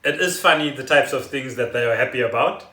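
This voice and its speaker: Brisk and forceful, a South African podcast co-host explains the news with wry, casual humor in a bright, mid-range voice. The home recording is roomy and echoey.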